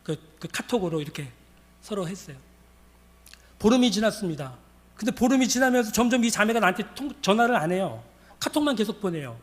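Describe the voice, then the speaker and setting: A man with a high voice preaches a sermon. He tells a story and acts out the dialogue along the way, in a plain pastor's delivery. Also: very animated, brisk.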